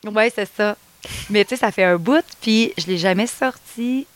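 A Québécois woman, a singer guest in a casual interview, tells stories in an animated, easygoing way at a moderate pace. Her voice sits at an ordinary pitch, she laughs often and uses many small fillers, and the recording is dry.

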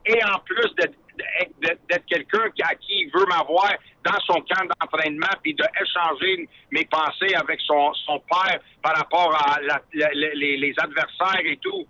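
A man with a Quebec French accent talks earnestly and with excitement, often stopping to restart his sentences. His voice is bright and a little high. It comes over a dull, muffled line. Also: normal speed, dry recording. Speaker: boxing cutman and trainer. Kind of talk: interview by phone.

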